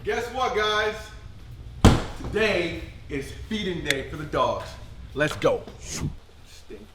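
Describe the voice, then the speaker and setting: A man's voice: on the high side, sing-song, slow, very noisy. Congested man chatting with his dogs. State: congested from allergies. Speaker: animal vlogger. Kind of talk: casual vlog narration.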